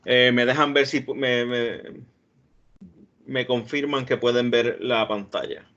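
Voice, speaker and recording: A man's voice: mid-range voice, fairly even intonation, unhurried, a bit bright. Guy giving a tech talk over a call, lots of ums and restarts, mid voice, kinda dull lo-fi audio. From Puerto Rico. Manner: hesitant, many fillers and restarts. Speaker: database administrator giving a talk. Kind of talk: online technical presentation. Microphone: computer mic on a video call.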